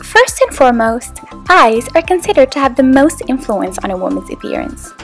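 High-voiced young woman narrating a video. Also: big pitch swings, moderate pace, soft background music. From Morocco. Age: young adult. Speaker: student presenter.

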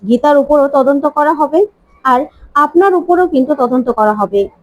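A woman's voice: high voice, normal speed, highs cut off, lightly acted. A woman reading the lines of a daughter-in-law who speaks bluntly and in pointed warnings. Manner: pointed, cautioning.

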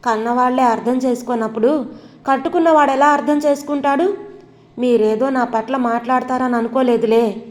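A woman voicing a proud, quarrelsome young wife who bursts out in shrill, tearful accusations. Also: a little mellow, long reverb tail, lightly acted. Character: proud angry young wife, quick to fight.

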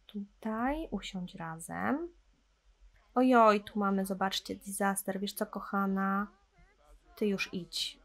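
A young woman casually commenting on a life-simulation game, chatting with viewers and talking to her characters. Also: medium pitch. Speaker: gameplay commentator. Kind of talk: casual let's-play commentary.

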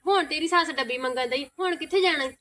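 A woman's voice: high voice, fast, a bit bright. A woman with a Punjabi accent acting in a village short film, lecturing and reasoning with a friend in a scolding way.

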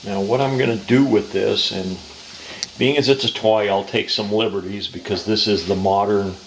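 This noisy home camcorder recording, made with the camera's built-in mic, shows a model train hobbyist from Southern California demonstrating his hobby in a home dining room. His fairly low, steady voice explains things casually, unhurried and halting.

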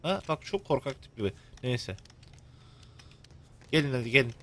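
A man's voice: medium pitch, big pitch swings, normal speed, fairly bright tone, slight background noise. A young man commenting on a video game while he plays, joking and cursing at the characters. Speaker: gameplay commentator. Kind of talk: let's play commentary.

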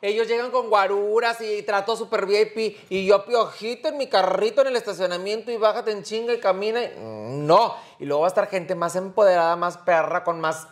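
Un hombre joven con acento mexicano, conductor de pódcast, que platica de forma expresiva, teatral y con muchas groserías. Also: male voice, sits high, fairly quick, hardly any pauses. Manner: campy, expressive, swears freely. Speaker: podcast host. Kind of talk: casual chat.

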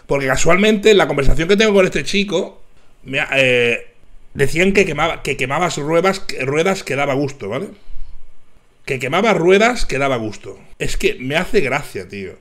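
A man hosting a reaction video, commenting on a clip in an animated, mocking way with loud sarcastic outbursts. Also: fairly high pitch, normal speed.

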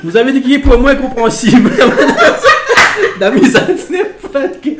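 A man's voice: very high voice, measured pace, roomy sound, over a noisy crowd. A man from Réunion with a strong Réunion Creole accent, bantering and laughing on a live stream. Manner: animated, laughing, teasing.

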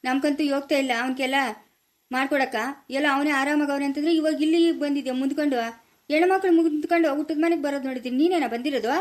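A woman's voice: sits high, steady tone, lightly acted. A woman playing a scolding old grandfather. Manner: scolding, rapid and nagging. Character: stern old grandfather scolding his grown son. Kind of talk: amateur family skit.

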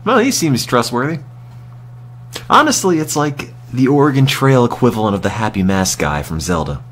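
A man's voice: mid-range voice, big pitch swings, normal speed, fairly bright tone. A man giving casual, dry and sarcastic commentary while streaming a video game.

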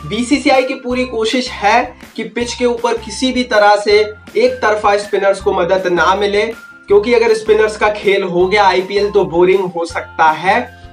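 Young guy doing a cricket news vlog, pretty high voice, super energetic, talks with his hands, faint music behind. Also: a little slow. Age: young adult. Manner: energetic, addresses viewers as friends, gestures with hands. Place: indoor room, seated before a wooden wall.

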